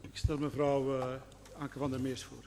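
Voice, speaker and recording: A man's voice: mid-range voice, level tone, a little slow, creaky, a little mellow, slight background noise. A male senator making a matter-of-fact proposal from his seat, with a few fillers. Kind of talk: parliamentary speech. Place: large parliamentary chamber. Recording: distant mic, long hall reverb.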